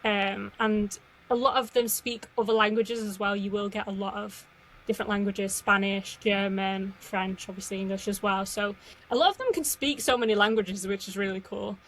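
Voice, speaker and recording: Woman, mid pitch, relaxed chatty podcast talk. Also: normal speed, rough recording. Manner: easygoing, chatty, with fillers. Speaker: podcast co-host. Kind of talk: casual chat.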